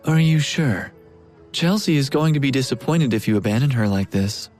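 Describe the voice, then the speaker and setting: A man's voice: mid-range voice, lively intonation, moderate pace, a little mellow, faint music behind, close to an everyday voice. Man doing a scheming young guy, fake-friendly, coaxing, pushy, storybook read.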